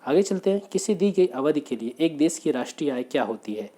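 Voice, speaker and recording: A man teaching exam prep, working briskly through quiz questions, asking rhetorical questions and repeating the answers. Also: on the high side, animated, mellow. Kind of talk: exam question walkthrough lecture.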